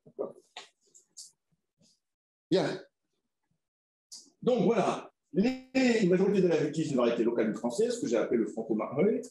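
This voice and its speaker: A man delivering an academic talk to an audience, explaining step by step. His voice is somewhat high yet dark and mellow in tone. It is recorded in a roomy, echoey lecture hall with a faint ambient hum behind it. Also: sing-song, normal speed, pauses often. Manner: explanatory, with frequent "hein" and "voilà" fillers. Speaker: researcher giving a conference talk. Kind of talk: academic presentation.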